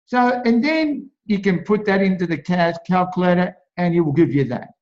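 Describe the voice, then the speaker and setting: An Australian man tutoring maths as he works through an exam solution, talking slowly and often repeating and restarting his phrases. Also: high voice, expressive, a little mellow. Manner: slow, repetitive, stops and restarts often. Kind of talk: worked exam solution walkthrough. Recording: dull lo-fi voice-over.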